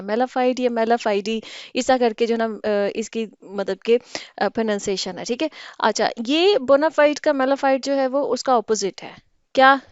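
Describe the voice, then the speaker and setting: A woman's voice: high voice, clean tone, dry recording, dull audio. A woman teaching English vocabulary in Hindi, explaining patiently and often checking "ठीक है?".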